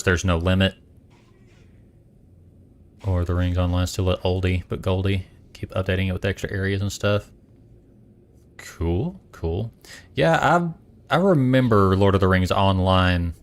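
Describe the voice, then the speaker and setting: A young adult man casually chatting while streaming a game, rambling and eating as he talks. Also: low voice. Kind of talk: casual gaming stream chat.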